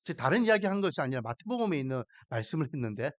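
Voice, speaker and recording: Lively high-voiced pastor preaching. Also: male voice, rapid-fire, no room sound. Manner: preaching with rhetorical questions and dramatic emphasis. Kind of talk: Sunday morning sermon.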